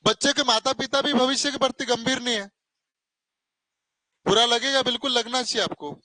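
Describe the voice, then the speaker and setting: A man's voice: extremely high pitch, steady tone, normal speed, bright, forceful tone, no room sound, poor audio. A man teaching a math class. He talks sternly, calls his students "beta", and keeps asking "hai na?". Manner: stern, scolding, calls students 'beta', asks 'hai na?'. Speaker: coaching teacher. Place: classroom with students and online viewers.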